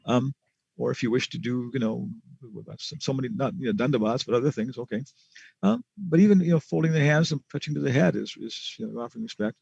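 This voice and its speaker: Gravelly man teaching, rambling and laughing. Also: mid-range voice, fast, a little mellow, no echo, dull audio. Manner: rambling, laughing, many fillers and restarts. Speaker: teacher answering questions. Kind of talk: casual class Q&A.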